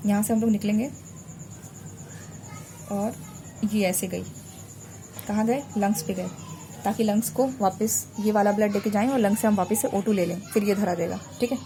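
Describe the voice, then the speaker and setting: A woman's voice: medium pitch, fairly even intonation, normal speed, long pauses, noisy background. A woman teaching a biology revision lesson while drawing a diagram, patiently repeating terms so students remember them. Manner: patient, repeats terms to drill memory tricks. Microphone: recorded while drawing a diagram on a board.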